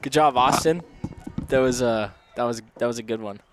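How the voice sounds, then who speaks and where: A man calling live college baseball play-by-play from a ballpark press box, fast with his calls and quick to laugh. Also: mid-range voice, background noise. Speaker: play-by-play commentator.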